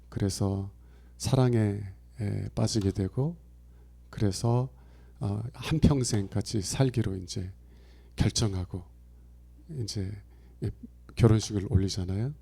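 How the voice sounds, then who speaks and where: A middle-aged pastor from Province, preaching a sermon in a conversational, storytelling way and acting out quoted lines with big jumps in loudness. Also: male voice, lowish voice, fairly even intonation, measured pace, creaky, pauses often. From Chungcheong Province, Korea. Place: church sanctuary.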